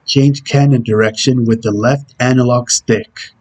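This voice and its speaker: Husky, stern, brooding game antihero played by a man, medium pitch, delivering terse tutorial instructions. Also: steady tone, measured pace, darkish tone, close to an everyday voice. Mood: stern, instructional. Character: Shadow, brooding male video game antihero giving tutorial hints. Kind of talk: character impression reading game tutorial instructions.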